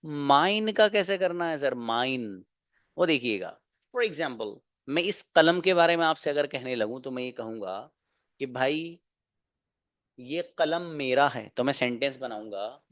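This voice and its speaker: A man teaching an online grammar lesson at a middle pitch, in a dry, close sound with no room echo. He explains patiently, stretches out example sentences word by word and keeps asking whether it is clear. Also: animated, a bit bright, dull audio. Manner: explains slowly, repeating phrases and checking "clear?". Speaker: English teacher.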